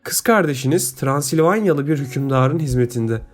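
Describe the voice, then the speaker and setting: A man's voice: mid-range voice, animated, moderate pace, soft background music, natural voice. A man reading a plain-spoken loyal servant. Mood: matter-of-fact. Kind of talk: audiobook character reading.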